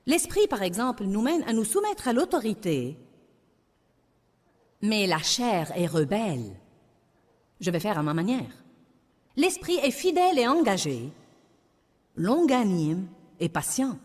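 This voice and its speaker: A woman's voice: mid-range voice, sing-song, a little slow, pauses often, a little mellow, in a large hall. A woman preaching a sermon in a French voice-over, with emphatic, repetitive declarations.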